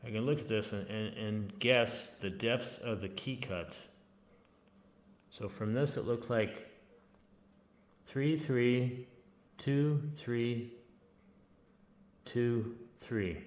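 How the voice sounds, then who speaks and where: A man who works as a locksmith, giving a casual hands-on demonstration and thinking aloud in a relaxed, halting way while he works. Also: medium pitch. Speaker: locksmith demonstrating key making.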